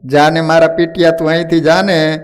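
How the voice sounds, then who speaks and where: A man playing a quarrelsome village potter's wife who taunts her husband. She is sharp-tongued and mocking, in a voice close to the teller's own. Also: fairly high pitch, little pitch movement, normal speed, close to an everyday voice. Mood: taunting.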